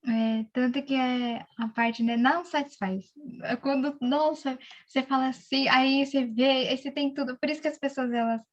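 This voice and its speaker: A woman's voice: high-pitched, normal speed. Young Brazilian woman, lo-fi call. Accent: Brazilian Portuguese. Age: young adult. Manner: animated storytelling with many fillers and laughs. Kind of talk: casual testimony chat.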